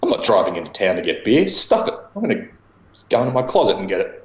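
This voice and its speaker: A young Australian man chatting casually over a video call, laid-back and quick to laugh, swearing now and then. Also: lowish voice, very animated, roomy sound, rough recording. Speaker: guest homebrewer.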